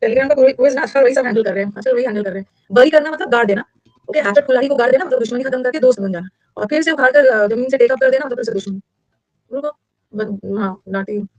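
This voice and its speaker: Fast-talking Indian woman teaching English. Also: on the high side, darkish tone, dry recording, muffled recording. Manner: fast, chatty, switches between Hindi and English. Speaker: English teacher for competitive exams. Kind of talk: live online class.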